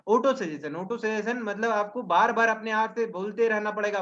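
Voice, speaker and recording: A man's voice: sits high, a bit bright, lo-fi sound. A man teaching a webinar who keeps asking rhetorical questions, answers them himself, and checks in with tag questions. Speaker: webinar trainer. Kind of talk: explanatory teaching talk. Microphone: video call.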